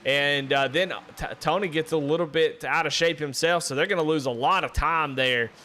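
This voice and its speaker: A man calling a live sim race in casual, folksy play-by-play, getting loud and excited when the cars make contact. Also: a little high, normal speed, slight background noise. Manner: excitable, rising sharply and loud during wrecks; folksy, casual Southern phrasing. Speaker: race commentator.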